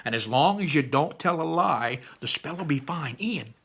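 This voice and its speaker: A man voicing a big, bold, boisterous young elf man in a read-aloud story, with a loud, eager delivery. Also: a little high, expressive, normal speed, slightly rough, pitched above the performer's own voice, full character voice. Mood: reassuring.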